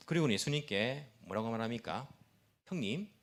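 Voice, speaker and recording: A middle-aged man preaching a Sunday sermon as pastor of a church, quick and lively, asking the congregation questions and answering them himself. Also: mid-range voice. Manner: fast-talking, self-aware, chuckles at himself. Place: church sanctuary.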